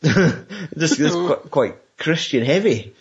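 A man's voice: fairly high pitch, lively intonation, slow. Sweary Scottish young man, lo-fi. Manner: sweary, rambling, laughing retelling of scenes. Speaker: podcast co-host. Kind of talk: casual film chat. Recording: dull lo-fi recording.

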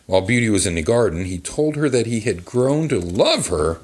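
A man's voice: lowish voice, very animated, normal speed, a little mellow, husky. Rambling man reading a kids' book aloud. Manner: rambling and crude, many fillers and asides. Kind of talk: comedic live book reading with commentary. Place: bar.

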